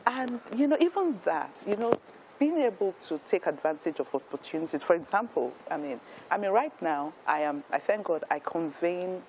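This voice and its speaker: A woman's voice: lowish voice, sing-song, normal speed, darkish tone, slight background noise, low-quality recording. A Nigerian woman in her fifties, a talk show guest telling her life story in an earnest, emphatic way, with frequent restarts. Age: 50s.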